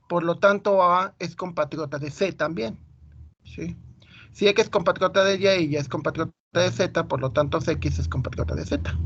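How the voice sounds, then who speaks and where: A man's voice: high-pitched, fairly bright tone, highs cut off, a little hiss or hum. A Mexican man with a Mexican Spanish accent giving an informal math lecture, chatty and full of anecdotes. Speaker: teacher.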